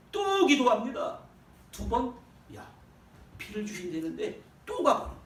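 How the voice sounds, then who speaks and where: A man preaching a sermon, emphatic, swinging his voice up and down to drive points home. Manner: emphatic preaching with sharp swings in pitch and volume. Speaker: pastor. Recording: roomy echo, voice from a distance, faint background hum.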